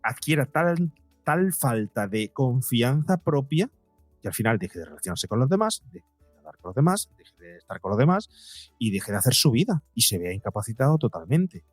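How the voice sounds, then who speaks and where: A man's voice: medium pitch, very animated, normal speed, no room sound, soft background music. A man from explains as an interview guest, didactically, posing rhetorical questions and speaking conversationally. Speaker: psychologist and podcaster, interview guest.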